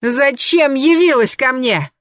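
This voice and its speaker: A woman doing a drunk woman yelling slowly. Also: high voice, animated, no room sound, studio quality, pitched above the performer's own voice, full character voice. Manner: drunken, drawn-out shouting. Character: drunk, half-dressed woman yelling at intruders.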